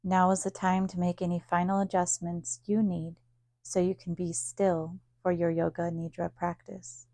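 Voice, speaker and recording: Her voice fairly low and the recording dry, a woman teacher leads a guided yoga nidra meditation. She speaks in an unhurried, calm and soothing way, pausing at length.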